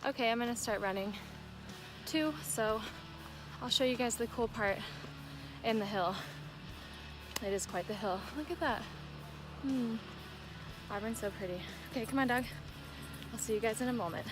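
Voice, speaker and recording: A woman's voice: fairly high pitch, normal speed, pauses often, music in the background, rough recording. A young American woman chatting casually and informally for a trail vlog, recorded outdoors on the move. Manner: chatty, informal, breaking off to talk to her dog. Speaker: vlogger.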